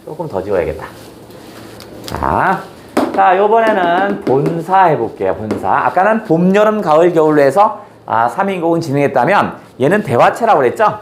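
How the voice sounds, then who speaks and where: A man's voice: a little high, very animated, normal speed, slight background noise. A man teaching a literature class in a playful, colloquial way with blunt slang. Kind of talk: classroom lecture.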